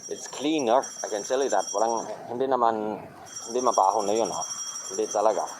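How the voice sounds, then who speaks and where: Through a handheld camera held while walking, this vlogger narrates his stroll down a city beach in relaxed English mixed with a few non-native-accented Tagalog phrases. He speaks quickly in a lowish voice amid background noise.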